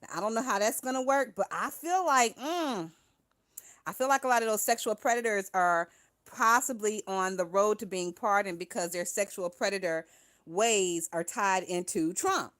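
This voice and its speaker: A woman's voice: mid-range voice, moderate pace. Brash, profane woman gossiping on a livestream. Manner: brash, profane, laughs often, swings from loud to hushed. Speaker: livestream host reading viewer chat. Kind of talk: casual profane gossip commentary.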